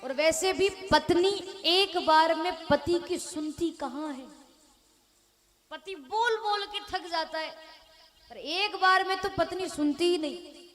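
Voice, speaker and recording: A woman's voice: very high-pitched, slow, fairly bright tone, faint music behind. A woman telling a devotional story to a live audience, joking with listeners and acting out quoted lines in a raised voice. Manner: addresses audience directly, jokes and asks for raised hands. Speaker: religious storyteller.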